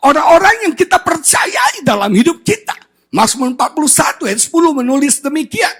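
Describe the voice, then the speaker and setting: A man preaching a sermon as pastor, dramatic, swinging from loud shouts to hushed low tones and acting out children's whining voices. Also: animated, brisk, faint music behind. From Indonesia. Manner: acts out children's crying voices in a high whine.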